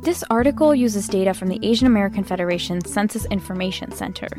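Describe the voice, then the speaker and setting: Woman host, scripted narration, measured and earnest, faint music underneath. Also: mid-range voice. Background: faint background music.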